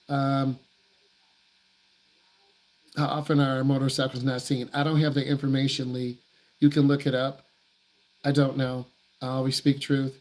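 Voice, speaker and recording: A driving instructor answers viewer questions during a live stream, speaking bluntly and emphatically and repeating himself for stress. His voice is fairly high in pitch with a darkish tone.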